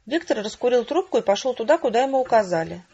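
A woman narrating an audiobook in an even, measured way. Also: on the high side, slightly rough. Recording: dull lo-fi recording.

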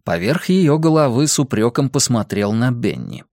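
A man narrating an audiobook with expressive storytelling. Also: medium pitch, normal speed, no echo, clean studio sound. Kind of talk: scripted narration.

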